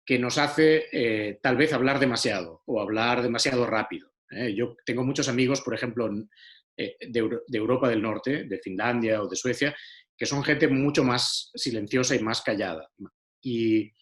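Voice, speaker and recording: A man's voice: medium pitch, moderate pace, a bit bright. A man giving an earnest online talk to a citizens' assembly, repeating himself with many fillers, over a video call. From Spain. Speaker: speaker on deliberative democracy.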